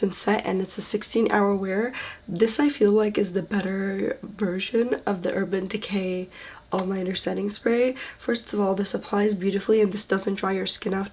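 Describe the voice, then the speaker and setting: A woman's voice: mid-range voice, a little mellow, breathy edge. A woman beauty vlogger chatting casually through a product review, gushing and enthusiastic, a little under the weather.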